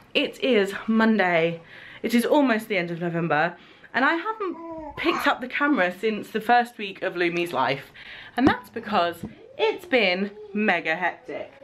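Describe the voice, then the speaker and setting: Casual vlogger mum, woman, mid-pitched, talking while chewing gum. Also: sing-song, unhurried, fairly bright tone, a little hiss or hum. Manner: breaks off to coo at her baby. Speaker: vlogger and mother of a new baby. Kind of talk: casual vlog chat to camera.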